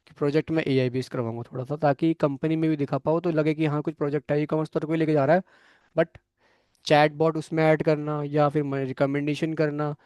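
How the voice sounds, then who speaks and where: A man's voice: on the high side, a little mellow, clear, resonant tone, no echo, clean studio sound. A young man teaching a programming class, giving blunt career advice and checking in often with his students. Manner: frank, coaching tone, frequent "theek hai" check-ins. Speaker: programming course instructor. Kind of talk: classroom lecture with live and online students.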